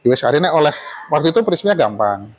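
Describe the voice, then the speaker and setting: A man's voice: on the high side, very animated, quick pace. A man in his forties, an architect guest telling stories casually, often laughing and dropping into Javanese phrases. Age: 40s. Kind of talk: casual storytelling conversation.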